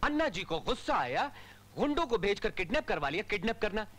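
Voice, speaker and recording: An actor dubbing a cocky young police officer who talks in a wry, theatrical way. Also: male voice, high voice, very animated, a little fast, a bit bright, full character voice. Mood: playful. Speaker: hero in a dubbed film. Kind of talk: Hindi film dubbing.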